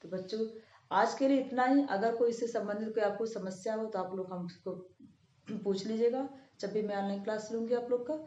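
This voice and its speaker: A woman teacher explaining a grammar lesson to children, patiently repeating each rule and slowly spelling out example words. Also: mid-range voice, warm tone. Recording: echoey room, dull lo-fi sound.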